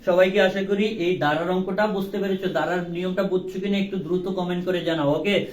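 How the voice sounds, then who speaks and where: Young male online tutor, fairly high voice, casual and repetitive Q&A delivery, heard from a distance in a roomy space. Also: steady tone, brisk, slight background noise. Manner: repeats questions and answers them himself, casual and joking. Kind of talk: live online class teaching. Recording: roomy, distant mic with faint ambience.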